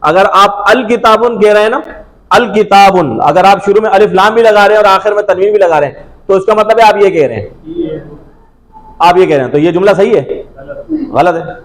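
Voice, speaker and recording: A male teacher runs a grammar drill in a classroom. He projects loudly across the room and keeps pressing the students with repeated questions until they answer. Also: high voice, a little fast, pauses often, rough recording.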